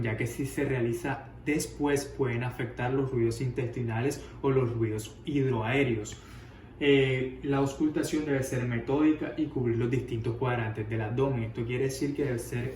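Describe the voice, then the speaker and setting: A man explaining an abdominal examination as a lesson, often pausing with fillers and restarting words. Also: mid-range voice. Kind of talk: medical demonstration lesson. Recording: roomy, distant mic with faint noise.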